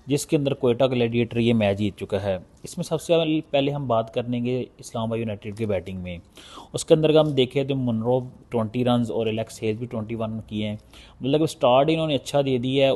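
A man's voice: medium pitch, darkish tone. A man hosts a cricket post-match analysis. He speaks seated indoors to a close phone camera, making critical, emphatic points and repeating them for effect. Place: indoor room, seated on a sofa.

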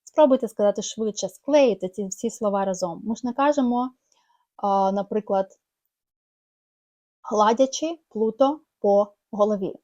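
A woman with a Ukrainian accent, a native Ukrainian speaker, teaching English pronunciation. She explains patiently and repeats English phrases slowly. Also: mid-range voice, mellow, muffled recording.

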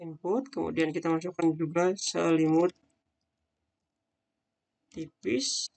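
A man with a somewhat high, darkish voice and vocal fry takes it slowly as he voices over a screen-recorded coding tutorial at a computer. He talks casually, thinking aloud with frequent fillers while demonstrating.

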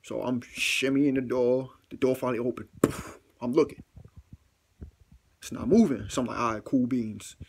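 A young man telling a funny story on camera in a casual, slangy, profane way, acting out his own reactions and jumping into high squeals. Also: normal speed, pauses often, noisy background. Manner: animated, acts out his own reactions with sudden loud squeals; slangy, profane, self-mocking.

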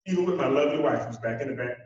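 A man in his forties giving a motivational keynote speech on a conference hall stage, walking about as he talks and using emphatic, repetitive phrasing with dramatic pauses. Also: mid-range voice, background noise. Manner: walks the stage while speaking. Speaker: keynote speaker. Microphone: handheld mic heard through a distant camera. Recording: echoey hall from far off, dull sound.

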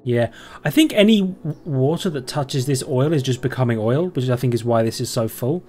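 A man's voice: medium pitch, animated, moderate pace, dark tone. A man doing gameplay commentary, thinking aloud in a rambling way and asking himself questions. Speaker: game streamer, let's play host.

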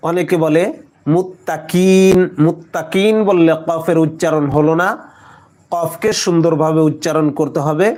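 A man teaching Quran recitation, who chants verses slowly and drawn out, then explains pronunciation briskly. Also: fairly high pitch, steady tone, darkish tone.

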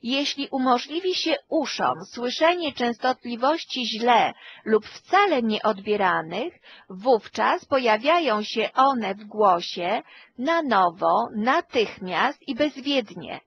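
Slow-spoken woman therapist explaining. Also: a little high, lively intonation, highs cut off. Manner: slow, measured explanation with fillers. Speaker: hearing and speech therapist. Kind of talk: expert talk to camera.

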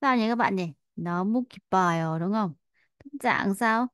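A woman's voice: mid-range voice, normal speed, fairly bright tone, clear, resonant tone, no echo, clean studio sound. A woman teaching Korean, explaining a listening exercise in a chatty way with many fillers and repeated phrases. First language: Vietnamese.

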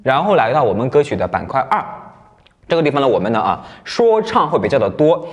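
A man's voice: medium pitch, big pitch swings, fairly quick, big-room sound, lo-fi sound. A man teaching a singing lesson, explaining technique patiently step by step. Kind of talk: singing lesson with sung demonstrations.

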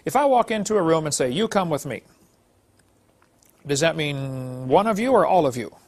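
A man with a fairly high voice explains his point step by step. He teaches plainly and checks with his listeners as he goes. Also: lively intonation, brisk. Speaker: Bible teacher.

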